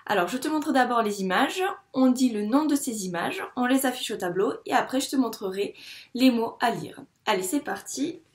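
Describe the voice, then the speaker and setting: A woman's voice: fairly high pitch, lively intonation. A woman teacher giving a patient phonics lesson to a young child and sounding out words syllable by syllable. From France. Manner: slow, patient, drawn-out syllables. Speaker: first-grade teacher.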